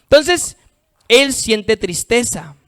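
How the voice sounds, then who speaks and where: Preacher guy, high clear voice, gets loud then drops way down. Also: sing-song, slow pace. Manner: emphatic, swings from loud to hushed; reads scripture aloud. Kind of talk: sermon.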